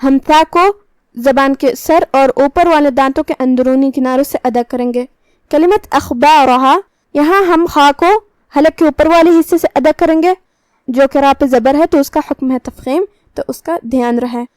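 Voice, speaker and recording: High-voiced woman teaching slow Quran recitation. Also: a little mellow, dry recording. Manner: measured, explains each letter step by step. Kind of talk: tajweed lesson with slow recitation.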